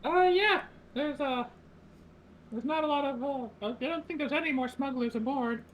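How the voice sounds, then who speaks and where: A man's voice: moderate pace, fairly bright tone. A man voicing a small, eager, artlessly cheerful adventurer in a tabletop role-playing game. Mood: matter-of-fact. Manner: high-pitched, artless, cheerful. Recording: noisy home voice chat.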